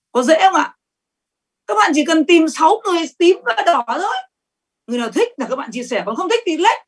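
This high-voiced, middle-aged woman gives a lively sales training talk. She speaks emphatically and keeps asking her listeners questions.

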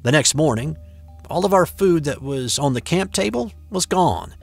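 A man hosting and narrating a submitted story in a measured, expressive read. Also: fairly high pitch, creaky, slightly rough. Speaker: host and narrator. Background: faint background music.

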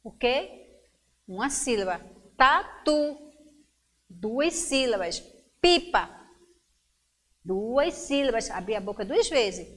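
Slow high-voiced woman teacher. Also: expressive. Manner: slow and encouraging, stretches words out syllable by syllable. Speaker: schoolteacher. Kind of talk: classroom lesson for children.

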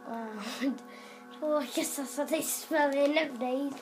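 Indoors at home in front of a television, a youthful gamer making a video rambles and exclaims through improvised role-play commentary. The voice is high and unhurried, picked up by a camera aimed at the TV along with the game's music.

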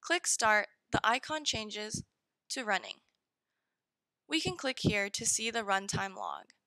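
A woman narrating a step-by-step software tutorial in short, direct instructions. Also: mid-range voice, wildly swooping pitch, slow pace, no echo, poor audio. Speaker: software demo presenter.

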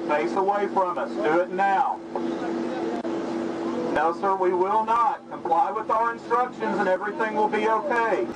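A man police officer giving firm, repetitive commands over a loudspeaker outdoors at a roadside stop. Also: high-pitched, measured pace. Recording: distant voice over loud vehicle noise.

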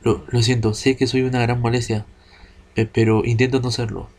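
A man's voice: mid-range voice, flat delivery, normal speed, darkish tone, natural voice. A man reading as a timid stammering schoolgirl. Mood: apologetic.

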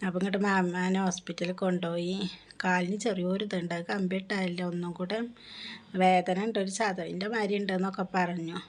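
A woman's voice: on the low side, fairly quick. Chatty woman vlogger. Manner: chatty, animated retelling with many restarts. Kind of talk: casual storytelling to viewers.

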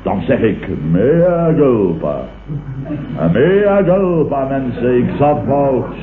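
In a tinny, echoey, hissy old radio recording of 1960s-70s comedy, a man with a mid-range voice plays a blustering, pompous middle-aged Dutch businessman from the Netherlands who has opportunistically turned leftist. He speaks slowly but with very lively intonation, sounding self-righteous, indignant and declamatory, sputtering the same interjections again and again.

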